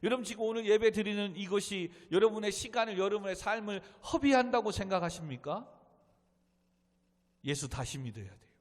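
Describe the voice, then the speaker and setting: A middle-aged male pastor delivering an emphatic sermon in a church sanctuary, building to loud exhortation. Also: high voice, lively intonation, brisk. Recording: long hall reverb.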